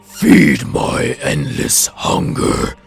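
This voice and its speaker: A man voicing a huge, wrathful, hungry god in a tabletop game, with a deep, raspy, booming, grandiose bellow. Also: drawn-out words, soft background music. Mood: wrathful, demanding. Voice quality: deep, gravelly, raspy roar. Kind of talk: tabletop game role-play.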